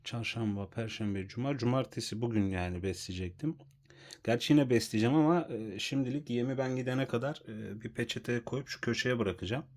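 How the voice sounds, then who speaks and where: A young man filming a casual home vlog, scolding and coaxing his pet snake with slangy teasing, sometimes dropping to a soft whisper. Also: mid-range voice, fairly quick. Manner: drops to a soft whisper at times. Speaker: vlogger feeding a pet snake. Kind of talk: casual hand-held vlog. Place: at home, indoors.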